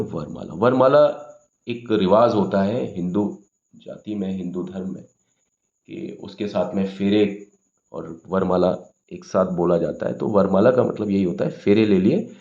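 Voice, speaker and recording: Male grammar teacher, gravelly voice, patient explaining, muffled lo-fi sound. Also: sits low, moderate pace, warm tone. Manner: explains patiently in Hindi with English terms, often asks "okay?".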